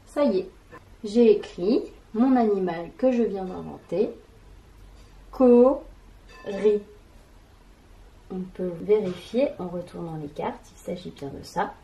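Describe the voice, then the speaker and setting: A woman teaching a children's lesson, speaking deliberately and spelling out syllables and sounds one by one. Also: mid-range voice, dark tone, rough recording. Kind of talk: slow, clearly articulated classroom lesson.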